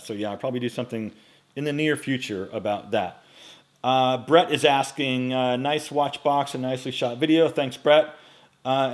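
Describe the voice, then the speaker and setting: This late-forties men's style YouTuber has a mid-range voice. He's relaxed and chatty, using plenty of fillers as he answers viewer questions in a casual vlog, recorded on a front-facing mic in a home studio.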